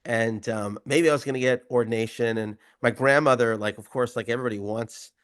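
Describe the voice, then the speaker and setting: Brief: male rabbi, casual anecdotal interview talk, mid pitch. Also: a little fast. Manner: anecdotal, rambling, relaxed. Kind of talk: interview storytelling.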